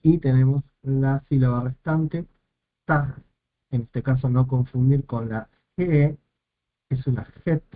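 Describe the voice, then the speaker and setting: A male teacher explains a lesson step by step at an unhurried, deliberate pace. He repeats each term before moving on, in a voice of middling pitch. The recording is narrow and tinny, like a phone line. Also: fairly even intonation. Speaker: Hebrew teacher.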